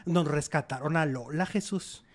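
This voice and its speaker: Animated Mexican man dishing gossip. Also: fairly high pitch, moderate pace. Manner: animated, dramatic, acts out quotes with exclamations. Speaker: entertainment show co-host. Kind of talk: casual gossip chat.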